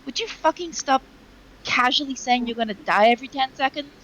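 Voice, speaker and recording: A man voicing an exasperated adventurer who scolds a reckless companion in a shrill, swearing voice. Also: brisk, bright, forceful tone, dull audio, slight background noise.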